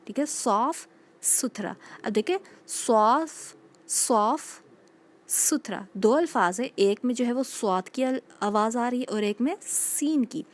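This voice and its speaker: A woman teacher giving a patient recorded phonics lesson to young children, repeating each sound slowly and checking in with them often. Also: a little high. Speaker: school teacher.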